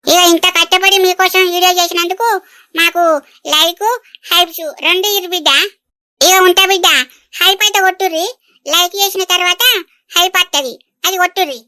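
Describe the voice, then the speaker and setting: A woman with a Telangana Telugu accent speaks to viewers in a homely, affectionate manner. Her voice is very high and bright, with a forceful edge. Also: fairly even intonation, fairly quick, no echo, clean studio sound. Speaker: channel host and village comedy performer. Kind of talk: casual sign-off to viewers.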